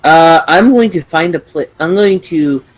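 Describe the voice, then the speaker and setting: A man's voice: a little high, a little slow, dry recording, rough recording. A man talking casually as a player in a tabletop role-playing game, partly in character. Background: background music.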